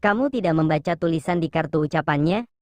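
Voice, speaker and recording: A woman's voice: deep voice, lively intonation, fast, no echo. A woman reading an audiobook, voicing a stern adult man who asks curt, teasing questions over the phone. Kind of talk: audiobook character voice.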